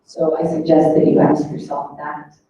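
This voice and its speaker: A woman's voice: low-pitched, monotone, moderate pace, dark tone, highs cut off. Woman announcer, distant in echoey hall. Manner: reads introduction with filler ums. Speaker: event announcer. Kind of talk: introducing a speaker.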